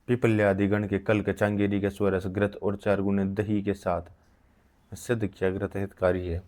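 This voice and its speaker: A man reading an old medical text aloud in a slow recitation, with frequent halts and restarts. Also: lowish voice, flat delivery, a little mellow. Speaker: reader of an ancient medical text.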